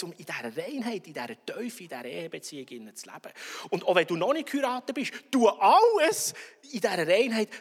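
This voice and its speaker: A man preaches with a high, husky voice that jumps around in pitch. He acts out little everyday dialogues and keeps checking in with his listeners. His voice rings with the long reverb of a large hall. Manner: animated, acts out little dialogues, frequent "oder?". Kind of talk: sermon.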